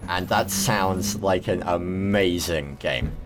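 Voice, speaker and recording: A man hosting a casual gaming podcast, chatty and rambling with quick asides. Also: sits low, over music. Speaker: podcast host. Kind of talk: casual chat.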